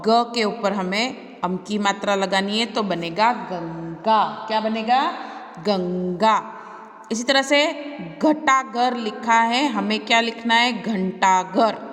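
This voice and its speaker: Woman teacher for young kids: slow, patient, repeats words and quizzes the class; phone recording with long reverb. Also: fairly high pitch, fairly bright tone. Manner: patient, repeats each word and asks the class back. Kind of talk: slow worksheet lesson for young children. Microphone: mobile phone.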